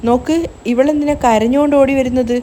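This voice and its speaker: Woman reading a tactless middle-aged uncle, grumbling, blunt, fairly high voice, storytelling recap. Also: steady tone, a little fast, mellow, slight background noise, close to an everyday voice.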